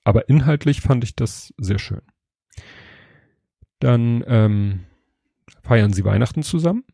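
A man discusses a book in a measured, reflective tone. His voice is dark and mellow with a gravelly, husky edge, recorded dry and close. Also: medium pitch, expressive, no echo. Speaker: book reviewer. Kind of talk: book review with read-aloud passages.

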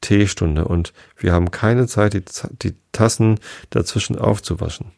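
A man's voice: lowish voice, normal speed, vocal fry, a little mellow, dry recording, clean studio sound. A man voicing a sad, fussy Hatter at a tea party, speaking with sighs. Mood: sorrowful. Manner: sighing, sorrowful.

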